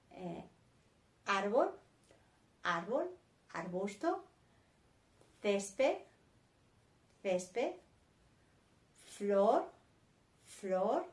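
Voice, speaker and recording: A woman teaching a vocabulary lesson, saying each word slowly and twice with a Spanish accent. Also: medium pitch, reverberant. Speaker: sign language teacher. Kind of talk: slow vocabulary lesson, naming words one by one.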